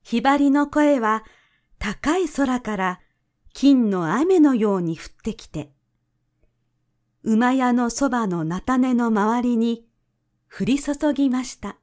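A woman narrating a children's story in a gentle, measured way. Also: a little high, expressive.

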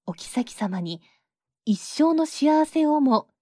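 A woman narrating a fairy tale in a calm, measured storybook reading. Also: high-pitched, no echo, clean studio sound.

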